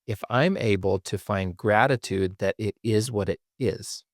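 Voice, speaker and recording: A man's voice: lowish voice, measured pace, dry recording, clean studio sound. A man hosting a podcast, explaining ideas in a thoughtful, conversational way with frequent restarts. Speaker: podcast host.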